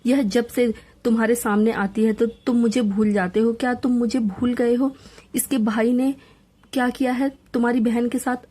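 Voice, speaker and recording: A woman voicing a drunk, jealous young fiancée who shouts accusations, in a storybook reading. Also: a little high, fairly even intonation, moderate pace, close to an everyday voice. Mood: furious.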